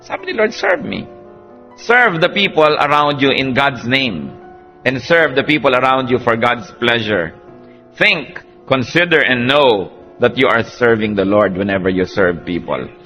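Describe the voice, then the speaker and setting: A man preaching a sermon, animated, swinging between soft passages and emphatic peaks. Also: medium pitch, a little slow, soft background music.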